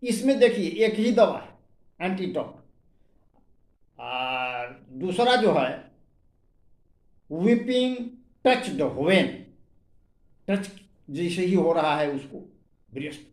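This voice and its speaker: A man's voice: fairly high pitch, very animated, takes it slowly, long pauses, echoey room. A man, a homeopathy doctor, teaching a medical lesson and reading out repertory rubrics word by word with stress.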